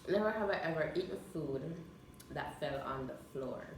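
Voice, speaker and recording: A woman's voice: low voice, expressive, normal speed. A young woman, hosting a vlog with casual chat to camera. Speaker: vlog host. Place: echoey room. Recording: echoey room, distant mic, clear noise.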